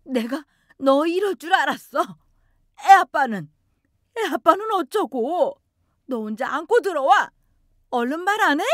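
A woman voicing an older mother-in-law who scolds and wails in a shrill, high voice. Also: expressive, a little slow, fairly bright tone, dry recording, clean studio sound. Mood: scolding.

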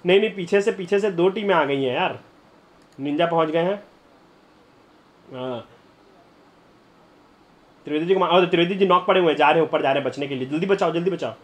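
A young man streaming a game live, chatting to viewers and breaking into excited shouts and laughter. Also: on the high side, brisk, long pauses. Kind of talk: live gameplay commentary.

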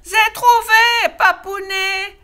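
A woman voicing a tiny, eager female wolf cub who shouts shrilly. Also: very high-pitched, fairly even intonation, extremely slow, voice pushed up, exaggerated voice. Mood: excited shouting.

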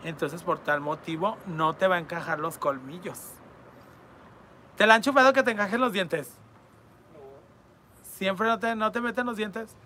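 A man's voice: high voice, moderate pace, pauses often, sharp tone, slight background noise. A man, reading viewer comments aloud in a campy, crude and teasing comedic chat. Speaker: online entertainer reading fan messages.

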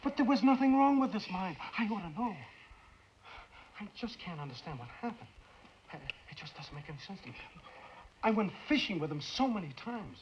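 A man's voice: high-pitched, expressive, a little fast, hardly any pauses, slight background noise. A man playing a frightened, guilt-ridden scientist who stammers and pleads, in 1950s film noir acting. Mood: anxious, pleading. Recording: muffled 1950s film soundtrack.

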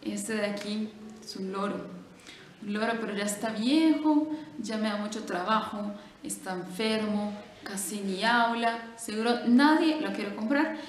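A woman's voice: mid-range voice, a little slow, a little hiss or hum, lightly acted. Storybook bird seller, a man, dismissive and matter-of-fact, voiced by a woman; roomy echo. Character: gruff middle-aged male bird seller.

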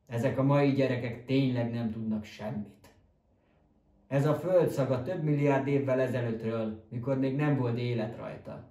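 A man's voice: mid-range voice, warm tone, close to an everyday voice. Man playing eccentric scientist, gleeful, theatrical, storybook reading, roomy echo. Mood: eager, lecturing. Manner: theatrical, relishing his own lectures. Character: gleeful eccentric male scientist teaching boys. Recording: roomy, distant mic.

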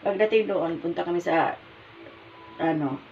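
An older woman with a Filipino accent, telling a personal story in a rambling, halting way, often searching for words. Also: lowish voice, gravelly, darkish tone. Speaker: mother telling her story. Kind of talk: casual storytelling. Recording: muffled, distant, with background noise.

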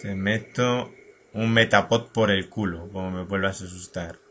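Jumpy young gamer, bright voice. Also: male voice, low-pitched, steady tone, normal speed, a little hiss or hum. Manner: jokey, jumpy, sings and shrieks in bursts. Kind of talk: horror game commentary.

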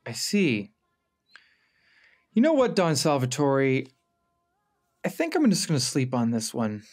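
A man's voice: medium pitch, wildly swooping pitch, measured pace, darkish tone. A man playing a desperate, respectful shopkeeper in a comedy sketch, speaking in an earnest, deferential way. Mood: let down. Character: desperate, deferential butcher begging a mob boss. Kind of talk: comedy sketch acting, mafia parody. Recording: music playing under the voice.

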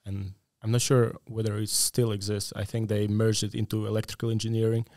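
A man from Latvia in his thirties talks as a guest on a podcast. His voice is low and flat with little melody, recorded dry on a studio mic. He hesitates often with fillers. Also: fairly quick, no room sound. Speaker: guest, AI consultant. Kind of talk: casual podcast interview. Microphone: studio mic on a stand.

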